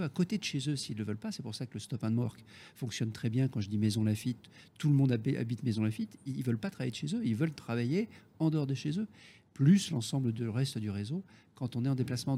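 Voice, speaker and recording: A man's voice: medium pitch, gravelly, mellow, husky. A man with a Parisian French accent explaining things as a business guest in a panel discussion, repeating key phrases for emphasis. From Paris region, France. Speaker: business executive, guest on the show.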